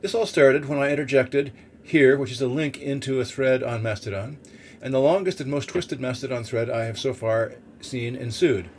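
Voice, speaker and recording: A man's voice: mid-range voice, moderate pace, darkish tone. Man reading on a boat, background noise. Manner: explanatory, opinionated, with occasional rhetorical questions and asides. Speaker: blogger reading own articles as podcast host. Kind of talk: reading a written article aloud. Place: on a boat in a snowstorm. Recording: clear background heater noise aboard boat. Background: background noise of boat heating.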